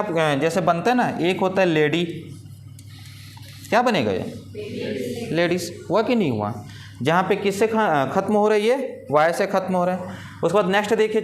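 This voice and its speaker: A man's voice: high-pitched, slight background noise. A man teaching an English grammar lesson. He asks his students questions and answers them himself. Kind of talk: classroom-style grammar lesson.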